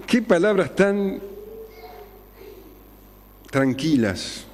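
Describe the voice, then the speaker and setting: A man preaching an expository sermon, slowing down and dropping low on key words for drama. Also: very animated, darkish tone. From Argentina. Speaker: pastor. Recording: long hall reverb.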